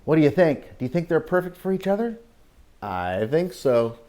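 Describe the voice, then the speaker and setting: Using a fairly high-pitched voice, a man teaches children with story time and Bible talk, telling tales in a spirited manner and stopping for dramatic pauses and questions to the little ones.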